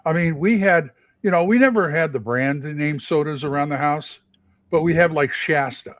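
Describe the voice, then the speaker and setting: A man co-hosting a casual livestream chat, chatty and lively, swapping stories. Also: a little high, moderate pace, no room sound.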